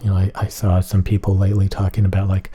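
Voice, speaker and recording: A man rambling in a flat, emotionless monotone for an ASMR video, with a husky voice. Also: deep voice, fast, slight background noise.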